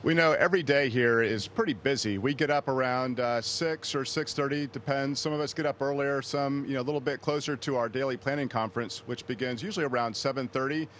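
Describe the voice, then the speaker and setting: Astronaut guy explaining stuff in an interview, medium pitch, faint spacecraft hum behind. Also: a little fast, few pauses. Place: inside a space station. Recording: steady hum of spacecraft machinery.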